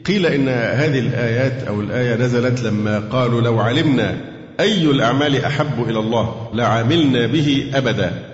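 A man with an Egyptian Arabic accent teaching a Quran lesson to a class, quizzing his students on grammar and reciting verses slowly. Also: mid-range voice. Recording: echoey hall, dull lo-fi sound.

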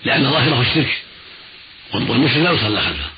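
A man's voice: medium pitch, animated, quick pace. A man giving religious instruction in formal Arabic as a scholar, didactic and repeating points for emphasis. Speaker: Islamic scholar answering listeners' questions. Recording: noisy, dull old radio recording.

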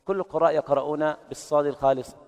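A man teaching Quran recitation readings in an explanatory lesson, who breaks into slow, melodic chanting to demonstrate each reading. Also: fairly high pitch, steady tone, darkish tone, in a large hall.

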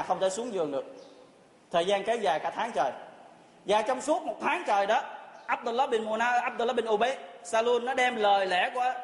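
A man telling a religious story as a sermon, earnestly retelling events and acting out the quoted dialogue. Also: high voice. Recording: echoey hall.

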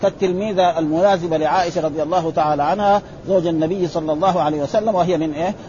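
This religious teacher races through his lesson in a slightly high voice with a dark, steady tone, reading classical texts aloud and explaining them in casual asides full of "ha" fillers and self-corrections. The slightly dull lo-fi recording carries a little hiss or hum.

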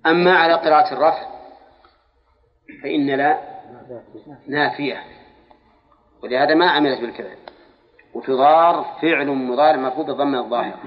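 Scholar lecturing in an echoey hall. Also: male voice, mid-range voice, moderate pace, pauses often. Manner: questions students, drawls words for emphasis. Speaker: Islamic scholar teaching Quran exegesis. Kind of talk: classroom lecture on Quranic grammar. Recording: lo-fi lecture hall recording with long reverb.

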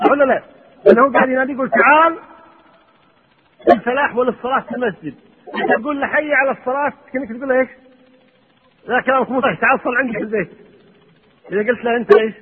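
A man's voice: very high voice, rapid-fire, long pauses, breathy edge. A man teaching Islamic law, reading lines from a text and explaining them with questions to his students. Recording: tinny phone-like audio with long hall reverb.

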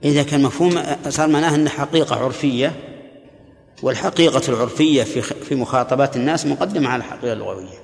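A man teaching a religious class, explaining points calmly and answering students' questions. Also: medium pitch, rapid-fire, vocal fry. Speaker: Islamic scholar teaching a class. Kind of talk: classroom Quran and fiqh lesson. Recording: echoey hall with long reverb.

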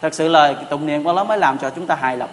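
A man's voice: on the high side, very fast, slight background noise. A man giving a storytelling sermon, asking rhetorical questions and repeating pious exclamations. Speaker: preacher. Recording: long reverb of a hall.

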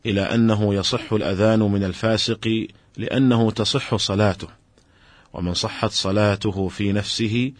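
A man giving a formal religious lesson, explaining rulings in a measured, explanatory way and addressing his listeners directly. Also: on the low side, no echo. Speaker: Islamic scholar giving a lecture.

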